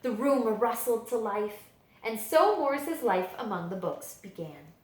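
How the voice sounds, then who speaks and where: A librarian reads a picture book aloud to children in expressive, deliberate storytelling narration with drawn-out emphasis. Her voice is on the high side, and the sound is roomy.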